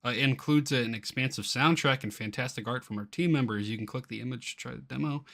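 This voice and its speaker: A YouTuber reacts to a game's crowdfunding page, reading it aloud in casual commentary with a bright, forceful, somewhat gravelly mid-range voice. He talks fast and is excitable, easily incredulous, and prone to exclaiming.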